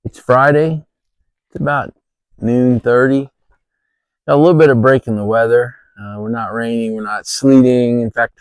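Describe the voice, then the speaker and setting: A man chatting casually to camera outdoors in his backyard, with a hesitant, pausing delivery. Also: medium pitch, clear, resonant tone, no room sound, low-quality recording. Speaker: vlogger.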